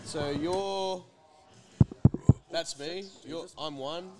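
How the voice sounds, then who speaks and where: A man's voice: fairly high pitch, extremely slow, heavy background noise. An Australian man hosting a podcast as casual chat, chatty and swearing freely while asking eager questions. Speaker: podcast host. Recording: loud crowd chatter behind.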